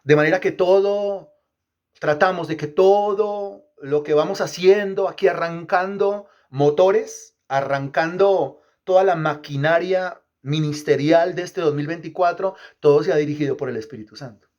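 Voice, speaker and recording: Pastor, male, fairly high pitch, emphatic teaching sermon, quizzes the congregation, repeats lines for rhythm. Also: measured pace, a little mellow, lo-fi sound. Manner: asks the congregation questions and repeats phrases.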